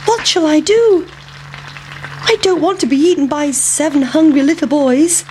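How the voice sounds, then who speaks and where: Woman as an excitable, high-pitched runaway storybook pancake. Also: a little slow, slight background noise. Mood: alarmed. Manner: exclaiming, emphatic, boastful. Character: plucky, defiant runaway pancake, excitable and alarmed. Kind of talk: children's storybook character voice.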